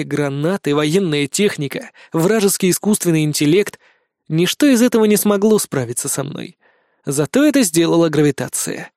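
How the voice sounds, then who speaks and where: A man narrating a first-person novel in an expressive, wry reading. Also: a little high, no echo, clean studio sound. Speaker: audiobook narrator.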